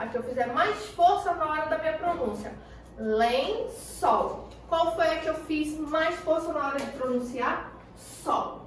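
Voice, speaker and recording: A Brazilian woman teaching a primary class, asking questions and answering them herself while stretching the key words slowly. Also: high voice, slight background noise. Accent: Brazilian Portuguese. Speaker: schoolteacher. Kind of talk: recorded remote class lesson. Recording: echoey room, voice far from the mic.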